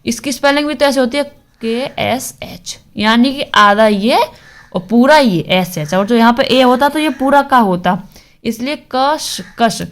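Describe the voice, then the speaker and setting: A woman's voice: a little high, normal speed. A woman teaching Hindi grammar for an exam, sounding out letters one by one and asking questions she answers herself. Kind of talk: exam-prep lesson.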